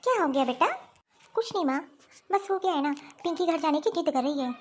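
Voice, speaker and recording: A woman voicing a caring young mother who talks in a coaxing, reassuring way, for an animated story. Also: sits high, brisk, voice pushed down. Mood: soothing, worried. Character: caring young mother, soothing her daughter.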